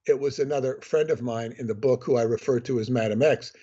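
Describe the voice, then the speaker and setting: A man, a guest author on a podcast, explaining at length in a measured, lecturing way over a remote call. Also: mid-range voice, mellow, husky, dull audio.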